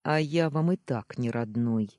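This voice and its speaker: Guy doing a furious young man, growly hissy, slow and dry. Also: medium pitch, a little mellow, dry recording, natural voice. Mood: angry. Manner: growling, hissing. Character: furious young man confronting his uncle.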